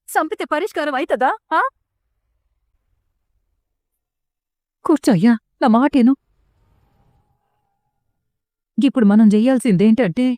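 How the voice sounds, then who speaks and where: A woman's voice: sits high, a little mellow, dry recording, clean studio sound. A woman voicing a worried village mother with a Telangana accent, pleading and urgent in a serial recap. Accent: Telangana Telugu.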